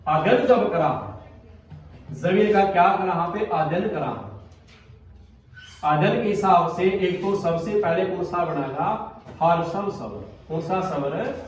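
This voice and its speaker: Male teacher, high pitch, drills the class with repeated questions; booming room echo. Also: slow pace, long pauses, slight background noise. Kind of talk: classroom grammar lesson. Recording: echoey classroom, from far off.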